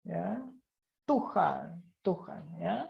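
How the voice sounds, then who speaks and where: A woman's voice: fairly low pitch, sing-song, very slow, vocal fry. A woman teaching Bible verses in a monologue, reading passages aloud and peppering her talk with "ya" and "nah". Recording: dull lo-fi recording.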